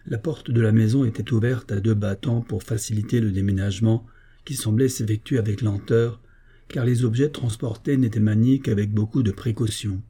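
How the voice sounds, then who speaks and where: A man narrating an audiobook in a steady, measured reading voice. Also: on the low side, breathy edge.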